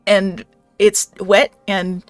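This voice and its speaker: A woman's voice: mid-range voice, level tone, extremely slow, dry recording, soft background music. A woman co-hosting a live stream, reading a book aloud with wisecracking, swearing asides. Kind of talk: comic read-aloud with running commentary.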